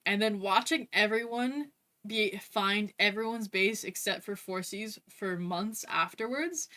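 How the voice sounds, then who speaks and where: A woman's voice: mid-range voice, sharp tone. A woman chatting casually on a voice call, her mic clipping and distorting as it cuts in and out. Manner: rambling, enthusiastic, full of "like" and "um". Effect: clipping, distorted mic cutting in and out. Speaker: streamer co-host. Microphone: computer mic on a voice chat call.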